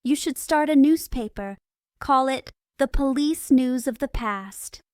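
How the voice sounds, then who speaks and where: A friendly young man explaining things plainly, read by a woman in an audiobook. The voice is clear and smooth, a little high, and recorded close and dry. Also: unhurried, a little mellow, no room sound.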